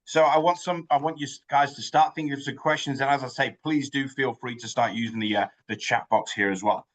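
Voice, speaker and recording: A man's voice: medium pitch, steady tone, brisk, rough recording. A man hosting an online business networking meeting, effusive and upbeat, often restarting his sentences. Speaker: host of an online networking event. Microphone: video call.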